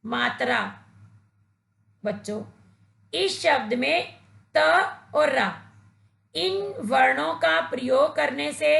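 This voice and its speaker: Slow, gravelly-voiced woman teaching children. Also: sits high, fairly bright tone, roomy sound. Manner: patient, instructive, addresses children directly. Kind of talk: slow, deliberate Hindi grammar lesson for children.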